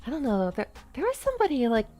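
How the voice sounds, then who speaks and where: A woman's voice: fairly high pitch, wildly swooping pitch, quick pace, warm tone. Woman, game streamer, casual rambling chat, faint music behind. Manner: chatty, rambling, many "like" fillers. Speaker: VTuber streamer.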